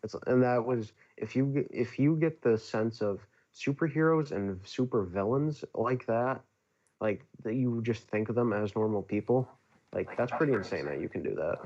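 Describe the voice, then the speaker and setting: A man's voice: mid-range voice, normal speed, darkish tone, highs cut off. A young man, a podcast guest, gushing in casual chat, rambling with lots of filler words. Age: young adult.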